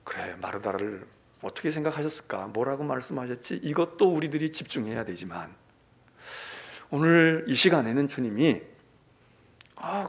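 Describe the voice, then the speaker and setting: A middle-aged man preaching a Sunday sermon as senior pastor, swinging between hushed whispers and raised, emphatic calls, and acting out quoted lines. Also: on the high side, gravelly. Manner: acts out quoted lines in character.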